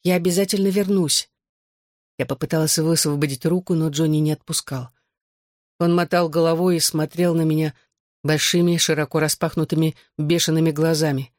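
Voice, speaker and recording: An earnest audiobook reader narrating a novel in the first person, with an emotional delivery. The voice sits at a middle pitch. The recording is close and dry, with no room sound. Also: level tone, a little fast, dry recording.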